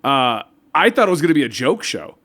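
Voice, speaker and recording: High-pitched, animated man chatting. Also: a little fast. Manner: chatty, rambling explanations. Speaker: show co-host. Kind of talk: casual pop-culture discussion.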